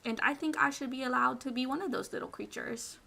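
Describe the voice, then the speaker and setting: A young adult woman streamer chats quietly and casually in ASMR style, playful and rambling, now and then slipping into soft whispers. Her voice sits high, moves fast, and carries vocal fry.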